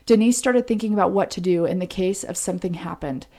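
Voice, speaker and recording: With a fairly low pitch and a quick pace, a woman co-hosting a true crime podcast walks through a case in story form. Her tone is warm, rounded and relaxed, and she explains every step earnestly in a conversational way.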